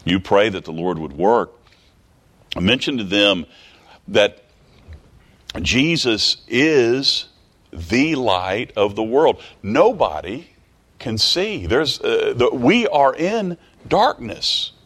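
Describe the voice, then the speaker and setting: A man's voice: mid-range voice, big pitch swings, takes it slowly, long pauses, a bit bright. A man preaching a sermon in a folksy, way. He repeats phrases and climbs to emphatic peaks. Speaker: pastor.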